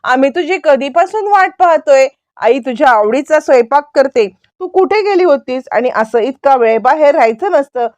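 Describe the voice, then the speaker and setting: A doting young husband fusses and fetches with caring urgency, as a woman narrator reads him. The voice stays high, with a dry, close sound. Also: expressive, moderate pace, hardly any pauses, darkish tone, no echo. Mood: fussing. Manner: fussing, caring.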